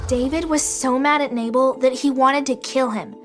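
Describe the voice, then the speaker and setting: A teenage girl speaking scripted kids' show lines in a gentle, encouraging way in an indoor studio set. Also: high voice, steady tone, normal speed, faint music behind. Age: teens. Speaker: child actor presenter.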